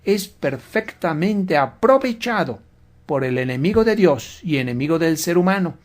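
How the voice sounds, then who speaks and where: A man giving a measured, lecturing talk as a guest on a religious radio program. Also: a little high, expressive.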